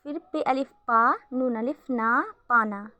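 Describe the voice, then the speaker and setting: A woman's voice: on the high side, a little slow, sharp tone, no echo, highs cut off. A woman teaching a beginner Urdu reading lesson, patiently spelling out letters syllable by syllable.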